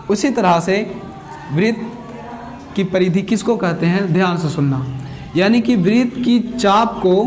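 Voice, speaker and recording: A man's voice: high-pitched, darkish tone. A man teaching a math lesson, who asks his students questions, answers them himself, and repeats each key term. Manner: everyday village examples, dictates notes. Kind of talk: classroom lecture, explaining with questions.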